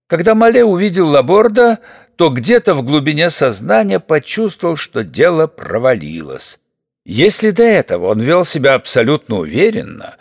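A man narrating a popular history audiobook in an expressive, dramatic storytelling manner, recorded in a studio. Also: a little high, vocal fry, dry recording.

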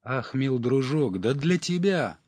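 Casting: man doing a drunk village man, slurred slow drawl, dry studio sound. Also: medium pitch, expressive, no room sound, voice pushed up, lightly acted. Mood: drunken. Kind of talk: audiobook character reading.

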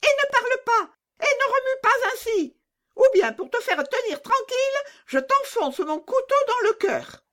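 A woman voicing a fierce, wild little robber girl in a children's storybook reading, with a shrill, bossy, menacing manner. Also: lively intonation, unhurried, a bit bright, full character voice. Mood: threatening.

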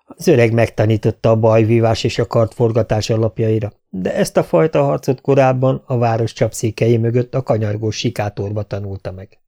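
A man narrating a fantasy story as an audiobook reader, measured and steady. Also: mid-range voice. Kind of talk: scripted narration.

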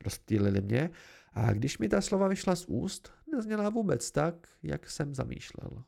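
A man's voice: fairly high pitch, very animated, gravelly, a little mellow. A man giving an amateur first-person novel narration, reading expressively. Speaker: audiobook reader.

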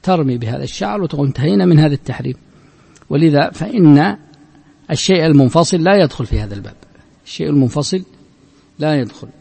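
A man giving a classical Islamic law lesson, explaining a text slowly and repeating his points. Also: a little high, lively intonation, vocal fry, dark tone, breathy edge, long reverb tail. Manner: slow, measured explanation with frequent repetition of points. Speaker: religious scholar teaching a text.

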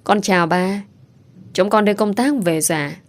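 A woman voicing a loving young mother who speaks gently and politely. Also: mid-range voice, moderate pace, natural voice.

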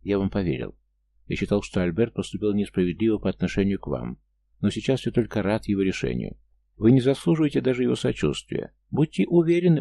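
A man's voice: fairly low pitch, creaky, mellow. A man reading an audiobook, voicing an angry, grieving young man who speaks harshly and coldly. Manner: harsh, cold, accusing.

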